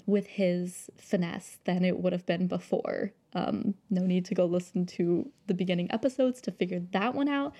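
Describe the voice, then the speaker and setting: A woman hosting a casual podcast in a small home studio, chatty, with frequent ums and quick laughs. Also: mid-range voice, creaky, mellow. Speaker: podcast host.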